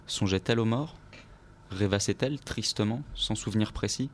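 A man narrating a literary story aloud in a grave, measured way. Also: lowish voice, a little hiss or hum.

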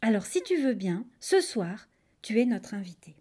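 A woman's voice: mid-range voice, very animated, normal speed, warm tone, slightly rough. A woman voicing a sly, hungry male crocodile who plays at being a friend in a storybook reading. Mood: sugary friendly. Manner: sugary, overly friendly, sheepish.

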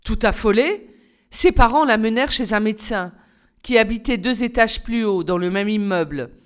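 A woman narrating a children's story in a clear, measured reading voice. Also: on the high side. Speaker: reader.

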